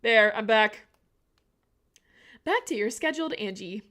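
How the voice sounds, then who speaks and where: A young woman streamer reading a horror visual novel aloud with a theatrical, animated delivery. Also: on the high side, unhurried.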